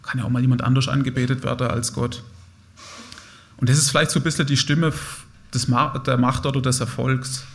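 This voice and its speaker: A man's voice: mid-range voice, level tone, a little fast. A young man giving a conversational, reflective sermon, speaking directly to his listeners. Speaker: preacher.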